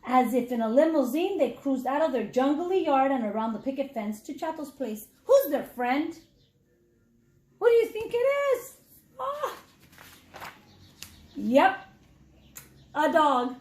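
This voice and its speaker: A teacher with a high-pitched voice reads a children's story aloud at a measured pace, with long pauses. She speaks expressively and puts questions directly to the young listeners, and the room sound is echoey.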